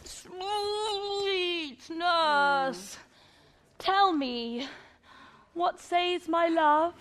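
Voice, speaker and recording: A woman's voice: very high-pitched, very slow, a bit bright, heavily acted. A woman playing an impatient, lovesick young girl in a Shakespeare play, pleading for news. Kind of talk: Shakespeare stage acting.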